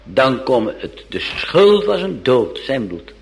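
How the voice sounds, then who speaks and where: A male preacher delivers a sermon with slow, deliberate pacing and a gravelly fry in his voice. His pitch sits a little high and moves widely as he retells the story dramatically, repeating phrases for effect. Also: very animated, low-quality recording.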